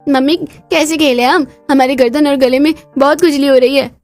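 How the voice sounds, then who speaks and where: A woman's voice: high voice, steady tone, brisk, a little mellow, dry recording, faint music behind, voice pushed up, natural voice. A woman voicing small children in a cartoon story, whining and pleading. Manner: whiny, pleading.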